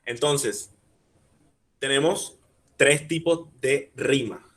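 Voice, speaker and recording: A man's voice: mid-range voice, a bit bright. Patient man teaching over a call. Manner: patient, explains step by step, spelling out syllables slowly; asks the audience questions and checks understanding. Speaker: workshop speaker teaching rhyme. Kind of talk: online workshop lecture.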